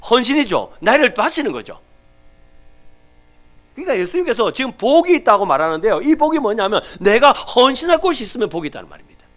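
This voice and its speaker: A man's voice: very high-pitched, fast talker. A middle-aged male pastor with a Gyeongsang Korean accent preaching a sermon, telling stories with acted voices and sometimes dropping to a near whisper for emphasis. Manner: animated storytelling, acting out everyday people, dropping to near whispers for emphasis.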